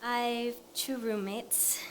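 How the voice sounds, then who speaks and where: A young woman dancer, played by an actress on stage talks straight out, without fuss. Her quips come dry and deadpan, in a voice that sits a little high. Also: extremely slow, a little hiss or hum. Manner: deadpan, plain-spoken quips. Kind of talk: stage play acting.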